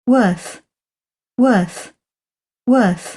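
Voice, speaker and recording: A woman on a recording pronouncing single words slowly and carefully. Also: on the high side, a little mellow. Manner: slow, careful single-word pronunciation. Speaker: recorded pronunciation model.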